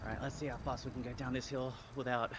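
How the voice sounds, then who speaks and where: A medium-pitched, flat male voice comes fast through a noisy background. He's an Australian-accented man in his thirties, riding an indoor bike trainer in his home cycling setup and chatting casually on a live stream, slightly short of breath.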